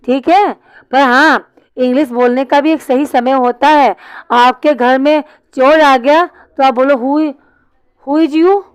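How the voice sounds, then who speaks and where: A woman's voice: high-pitched, steady tone, a little slow, clean tone, no room sound, poor audio. A woman teaching an online English class, explaining step by step and answering her own questions.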